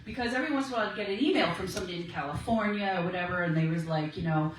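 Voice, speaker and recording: A woman's voice: on the low side, racing, far from the mic, slight background noise. A woman giving a personal testimony talk to a meeting, telling her story in a chatty way and acting out the quoted exchanges. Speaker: speaker at a women's ministry meeting. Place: meeting room. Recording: echoey room, voice from afar.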